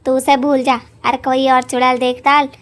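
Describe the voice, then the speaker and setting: A fed-up rustic mother from a cartoon story, played by a woman nags and complains in a high voice. Her speech is blunt and countrified. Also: little pitch movement, normal speed, fairly bright tone. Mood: complaining. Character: fed-up middle-aged mother, rustic, nagging.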